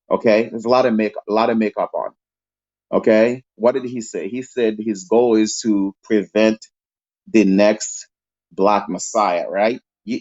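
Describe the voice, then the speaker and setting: Heard in lo-fi audio, the man from Haiti has a lowish, darkish voice. As a panel guest in opinionated call-in talk, he shares strong opinions long-windedly and often checks in with "okay?".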